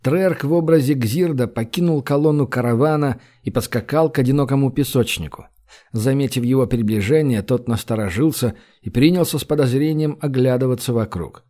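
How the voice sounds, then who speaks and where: A man narrates a fantasy audiobook in a steady, even manner. His voice sits at a middle pitch, reading scripted prose. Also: brisk.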